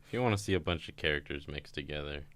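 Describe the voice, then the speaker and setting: A man's voice: rumbling low, fast, a bit bright. A young man co-hosting a podcast, rambling casually with lots of filler words. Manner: rambling, lots of 'like', hedging. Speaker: podcast co-host. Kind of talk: casual chat.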